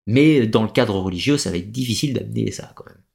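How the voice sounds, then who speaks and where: A man's voice: on the low side, lively intonation, fast talker, gravelly, darkish tone. A man hosting a live stream, explaining at length and answering viewers' chat comments, often hesitating and restarting his sentences. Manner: digressive explainer with frequent hesitations.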